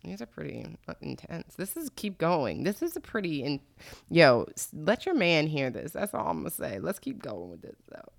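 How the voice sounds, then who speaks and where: A woman with a low-pitched voice hosts a casual show. She speaks candidly and playfully, moving between loose chat and reading aloud to her listeners. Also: huge pitch swings, normal speed, gravelly. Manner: candid and playful, with acted-out asides. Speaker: host.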